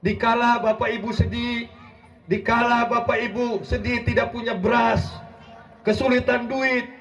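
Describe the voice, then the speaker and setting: A man preaching an impassioned sermon, rousing and often shouting as he addresses his listeners directly. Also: very high voice, little pitch movement, measured pace, soft background music. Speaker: preacher and legal consultant. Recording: dull lo-fi recording.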